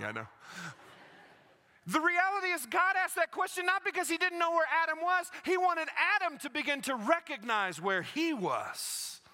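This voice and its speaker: A man's voice: very high-pitched, pushed and bright. A man preaching a sermon, telling a story with energy and acting out the voices of the people in it. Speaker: pastor.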